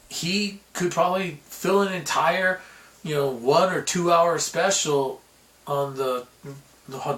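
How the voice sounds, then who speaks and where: A man's voice: fairly high pitch, a bit bright, echoey room. A man vlogging casually and giving opinionated, chatty talk straight to his viewers.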